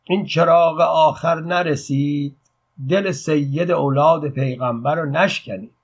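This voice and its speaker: Sly street preacher chanting for coins, husky, on a dull lo-fi recording, played by a man reading a story. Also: mid-range voice, natural voice. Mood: pleading. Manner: chanting, then pleading and brash. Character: sly scheming beggar preacher, middle-aged man.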